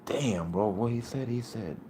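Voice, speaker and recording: A man in his thirties from Puerto Rico hosting a casual livestream, rambling in streetwise slang and shouting out viewers by name. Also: fairly low pitch, a little slow, noisy background. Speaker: livestream host.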